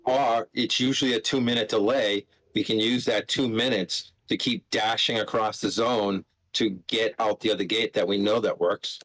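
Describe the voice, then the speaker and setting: A man's voice: fairly low pitch, fairly even intonation, moderate pace, few pauses, a bit bright, rough recording. A man playing at an online tabletop game, asking short, practical questions. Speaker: player. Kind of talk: casual game table chat.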